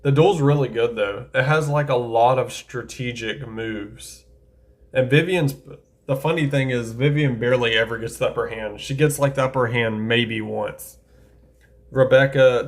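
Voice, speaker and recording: Speaking at a normal pace in a steady, medium-pitched voice, this anime tier-list creator gives casual, excited commentary on his rankings. He reasons aloud, keeps up a chatty flow, and fixes his own statements as he goes.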